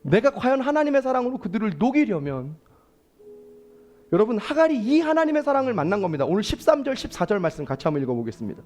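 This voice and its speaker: A man's voice: high-pitched, very animated, fast talker, a little mellow. A male pastor preaching a Sunday sermon in a church, emphatic and calling out to the congregation.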